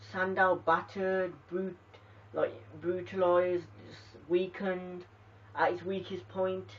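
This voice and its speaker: A reviewer giving a casual, rambling spoken recap of a wrestling show, full of "like" and "you know". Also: mid-range voice. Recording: distant dull lo-fi mic.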